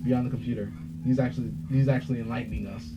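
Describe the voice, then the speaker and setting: A man's voice: mid-range voice, steady tone, rapid-fire. Offhand joking young man. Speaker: podcast guest. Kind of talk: casual chat. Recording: muffled with faint hiss.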